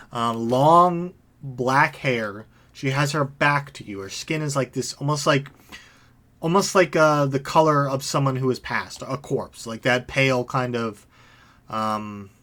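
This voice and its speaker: A man running a tabletop game as game master, narrating scenes descriptively with halting restarts and fillers. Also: medium pitch, a bit bright.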